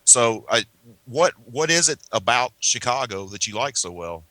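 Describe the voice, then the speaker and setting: A man's voice: mid-range voice, animated, normal speed, pushed and bright, dry recording, rough recording. A man co-hosting a motorsport radio show, laid-back and joking, often tossing in "man". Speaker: radio co-host. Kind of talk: casual motorsport radio talk.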